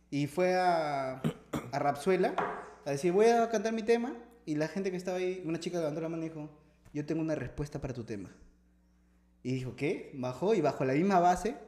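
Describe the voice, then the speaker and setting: Young Peruvian guy, lively anecdote-teller, higher voice, echoey room. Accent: Peruvian Spanish. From Peru. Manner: animated storyteller, acts out voices and laughs. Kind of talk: casual chat.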